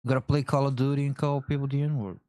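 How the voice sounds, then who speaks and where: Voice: medium pitch, flat delivery, fast talker, darkish tone, no echo. A podcast co-host who drops in crude jokes during casual banter.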